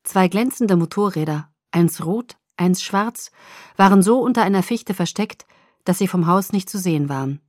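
A woman narrating a novel in the first person with a lively, expressive delivery. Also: lowish voice, moderate pace, no echo, clean studio sound. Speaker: audiobook narrator.

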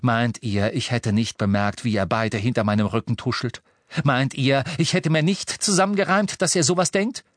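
A man's voice: medium pitch, expressive, moderate pace, no echo, voice pushed up, close to an everyday voice. A man reading the part of a young man, holding his anger in with cutting control. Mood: angry. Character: young man, calm turning angry.

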